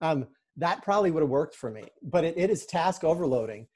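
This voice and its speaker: A man's voice: fairly high pitch, lively intonation, brisk, a little mellow, slightly rough. A man hosting a casual interview, chatty and joking, with lots of fillers. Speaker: podcast host.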